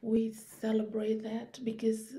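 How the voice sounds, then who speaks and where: A middle-aged woman from Fiji with a Fijian accent, explaining things in an informal interview with halting, short phrases and pauses. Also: a little high, completely flat delivery, mellow. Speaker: interview guest, teacher.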